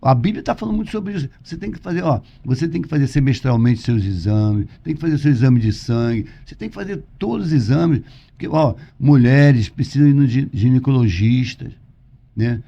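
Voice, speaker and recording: A Brazilian pastor appearing as a podcast guest preaches conversationally and emphatically, repeating his points and posing rhetorical questions. His mid-range voice is expressive, creaky and mellow, a little fast, and the lo-fi recording sounds dull.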